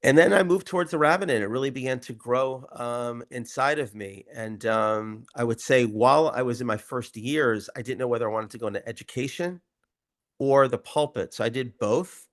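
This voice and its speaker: A male rabbi telling a relaxed, rambling personal story in an interview. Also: mid-range voice, normal speed.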